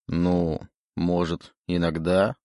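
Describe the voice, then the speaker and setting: A man's voice: deep voice, level tone, slow pace, a little mellow, no room sound, clean studio sound. A man reading an audiobook, voicing a mocking, cruel demon voice with a sneering manner.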